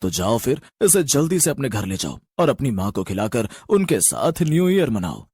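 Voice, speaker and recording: A man voicing a kind-hearted male ghost who soothes a crying child, gentle and fatherly, in an animated story. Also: medium pitch, normal speed, breathy edge, no echo, clean studio sound. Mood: kindly.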